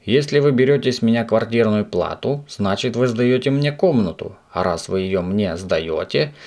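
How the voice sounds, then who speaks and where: A man's voice: fairly low pitch, animated, normal speed, a little mellow. A man voicing a cheeky impish male creature with a snout who teases and mocks. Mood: mocking. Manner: teasing, mocking, gleeful.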